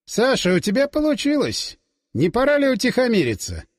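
A man voicing a calm, condescending man who mocks others in a relaxed, sarcastic way, in a raised put-on voice. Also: very high-pitched, a little fast, pitched above the performer's own voice, full character voice. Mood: mocking. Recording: long reverb tail.

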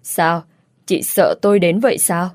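Woman doing a vengeful young woman, mocking and a bit unhinged, lowish mellow voice. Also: a little slow, no echo, studio quality, natural voice. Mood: taunting. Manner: sneering, taunting.

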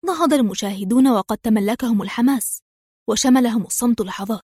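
A woman narrating an adventure story in a steady, scripted reading. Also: fairly high pitch, quick pace, breathy edge, no room sound, studio quality.

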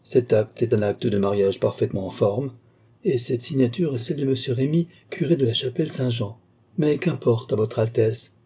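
A man's voice: mid-range voice, moderate pace, warm tone, slightly rough, close to an everyday voice. A man voicing a haughty, lofty older cardinal in a classic novel reading. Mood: composed.

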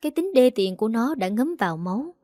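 A woman's voice: a little high, big pitch swings, quick pace, warm tone, no echo, studio quality. A woman voicing a firm, protective young man who talks persuasively. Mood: firm urging.

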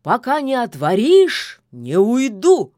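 A woman reading aloud puts on an ancient, stubborn male sorcerer from a fairy tale, grumbling in old-fashioned phrases. He sounds lovesick under the gruffness, talks at an unhurried pace, and the sound is close and dry. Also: mid-range voice, very animated, darkish tone, no room sound. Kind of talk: fairy-tale audiobook voicing.

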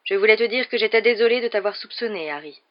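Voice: medium pitch, fairly even intonation, fast talker, close to an everyday voice. A reader voicing an earnest, solemn schoolboy who speaks formally, in a dull lo-fi recording. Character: earnest plump boy pupil, solemn and formal.

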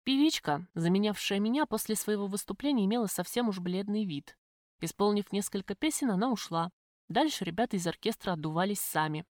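Woman narrator for a first-person audiobook, expressive, mid pitch, dry close sound. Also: fairly quick, no room sound. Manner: lively, expressive reading.

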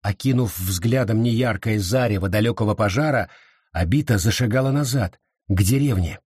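A man narrating an audiobook in an expressive, dramatic style with a husky voice. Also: lowish voice, normal speed, no echo, clean studio sound. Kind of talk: scripted narration.

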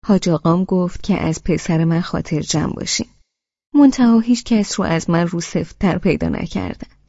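A woman voicing a fond old grandmother who talks in a halting, motherly way, in an audiobook. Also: fairly low pitch, mellow, breathy edge, dry recording, highs cut off. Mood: relieved. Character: sweet chatty old grandmother, hesitant and fond. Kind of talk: audiobook character reading.

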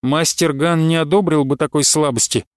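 A man doing a calm, steady young man. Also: fairly high pitch, moderate pace, clean tone, no echo, clean studio sound, natural voice.

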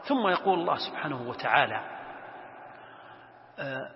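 Male religious teacher, fairly high voice, measured delivery with long pauses; dull lo-fi recording in a reverberant hall. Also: animated, gravelly. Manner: measured, pauses with drawn-out fillers, recites verses with raised voice. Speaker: Quran tafsir teacher. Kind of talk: religious lesson explaining scripture. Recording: echoey hall, dull lo-fi sound.

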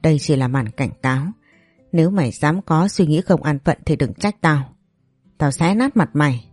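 A woman's voice: sits low, lively intonation, brisk, darkish tone, dry recording, faint music behind. A woman voicing a fierce, protective young mother in a storybook, cursing in rage. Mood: icy. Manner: fierce and cursing, then cold.

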